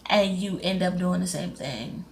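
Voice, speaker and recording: A young woman, casually retelling a frustrating story in an animated vlog. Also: on the low side, unhurried, gravelly, a little hiss or hum. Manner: animated, frustrated retelling with lively quoted voices. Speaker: vlogger.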